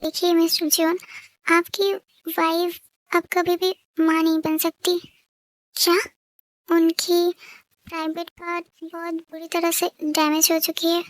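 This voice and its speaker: Brief: woman playing a formal doctor, very high voice, dry close audio. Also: monotone, unhurried, pauses often, dry recording, rough recording. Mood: grave. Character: grave doctor giving bad news.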